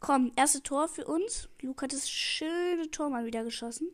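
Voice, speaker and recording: A teenage girl giving excitable live commentary on her own match, pleading and calling out every move into a headset mic. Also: high voice, a little slow. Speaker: gamer streaming her match.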